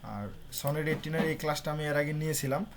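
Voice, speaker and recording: A man's voice: fairly high pitch, fairly quick, heavy background noise. A young man teaching an online class, mixing English terms into his explanations with frequent "uh" fillers. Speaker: lecturer.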